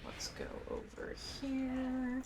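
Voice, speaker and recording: A game streamer with a high voice muses aloud while playing, speaking slowly with a completely flat delivery. Her commentary is casual and informal, and she reads out bits of quest text over faint background noise and game ambience.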